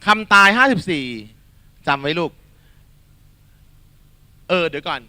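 A man teaching a lively exam-prep lesson to a hall of students, quizzing them and calling them "child" in a coaxing, energetic manner. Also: fairly high pitch, measured pace. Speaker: Thai tutor.

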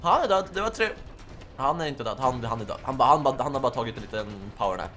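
Young male gaming host, animated delivery that jumps around in pitch, light background noise. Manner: excitable, shouts and yelps during fights. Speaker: gaming YouTuber. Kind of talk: casual Let's Play commentary.

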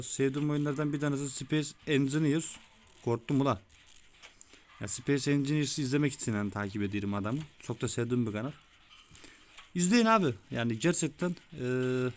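A young man giving casual, excitable gameplay commentary, swearing often and talking like a buddy, his voice a bit rough. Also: mid-range voice. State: sweaty, voice gone a bit rough. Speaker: gaming YouTuber. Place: small room with window closed.

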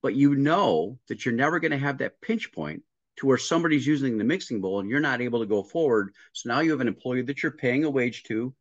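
Speaking at medium pitch with lively intonation and a slightly fast pace, this middle-aged restaurant consultant tells work stories as an interview guest on a video call. He goes step by step, voices the dialogue himself, and restarts frequently, all in a casual storytelling mood. Behind him hangs a painting in a home room, and the call audio is dry and muffled with no room sound.

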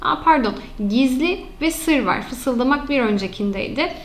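A woman teacher explaining sentence errors to students, asking them questions and then answering them herself, and slowing down to stress key terms. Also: high-pitched, expressive. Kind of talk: online grammar lesson.

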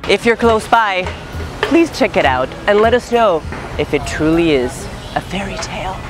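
Out on a city street with a lapel mic and music playing behind her, a woman in her thirties hosts a show and reads scripted news in slangy, casual terms. Her mid-range voice is very animated, at a moderate pace.

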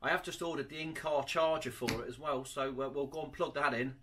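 On a noisy recording from his indoor home garage workshop, a man in his forties talks himself through a hands-on product review, chatty and step by step, with a camera mic a few feet from him. He has a fairly high, fairly even voice and a brisk pace.

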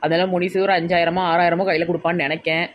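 A woman with a Tirunelveli Tamil accent acting in a comedy skit, chattering gossipy and quick. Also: on the low side, level tone, dull audio. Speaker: comedy sketch actor.

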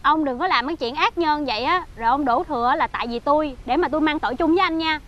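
A woman's voice: high voice, a bit bright, highs cut off. An actress playing an outspoken young woman with a Southern Vietnamese accent who scolds a man and cries out for a boy she protects. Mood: indignant. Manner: scolding, quick to cry out. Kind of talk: TV drama acting. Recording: film dialogue under background music.

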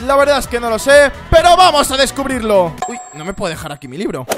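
Spanish gaming YouTuber, man, very high and excitable, game music playing clearly beneath him. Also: quick pace, a crowd in the background. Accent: Spain. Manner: excitable, often shouting. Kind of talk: gameplay commentary.

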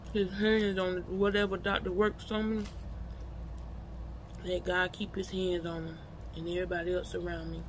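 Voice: medium pitch, a little hiss or hum, low-quality recording. A person chatting casually and colloquially to followers while eating, talking with a mouth full of food. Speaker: vlogger.

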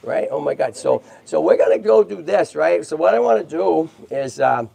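Male livestream host, rough fry-edged voice, chatty, keeps asking "right?", dry sound. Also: a little high, animated, normal speed, mellow, dry recording. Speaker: host of a tortoise rescue livestream. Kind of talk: casual livestream chat.

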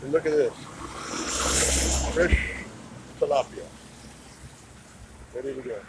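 A man from Idaho in the US speaks slowly in a mid-range voice while filming his stroll along a town roadside on a handheld phone. As a walking-tour vlogger he keeps the commentary relaxed and chatty, with clear traffic noise, passing vehicles and street sounds outside.

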